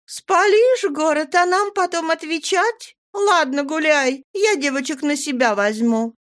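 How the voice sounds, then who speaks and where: A woman voicing a bossy young woman apprentice with a bright, commanding manner. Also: high-pitched, a little slow, pitched above the performer's own voice.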